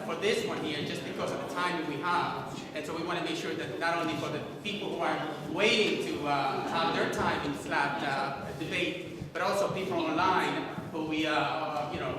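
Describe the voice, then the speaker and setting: A man's voice: fairly high pitch, moderate pace, a crowd in the background. A man organizing a candidate forum, explaining the format in a rambling way with many fillers. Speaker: event organizer. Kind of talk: announcing the format. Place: community center hall. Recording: echoey hall, from far off.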